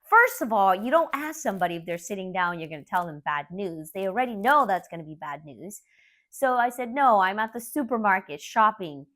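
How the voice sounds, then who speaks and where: A woman in her forties from Laos, a martial arts school owner, telling a personal story in an earnest, candid, soft-spoken way. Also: mid-range voice, big pitch swings, fairly quick.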